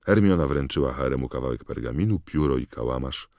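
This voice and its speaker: A man reading an audiobook, telling the story in a calm, even way close to the microphone. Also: rumbling low, a little fast, dry recording. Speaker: audiobook narrator. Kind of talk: scripted narration.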